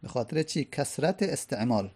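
A man's voice: mid-range voice, lively intonation, a little mellow, breathy edge. A man teaching a grammar lesson, explaining step by step and answering his own questions.

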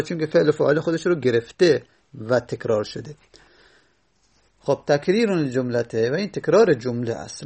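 In a classroom lecture, a man with a mid-range, slightly mellow voice patiently explains grammar, repeating phrases and quoting Arabic verse as he goes.

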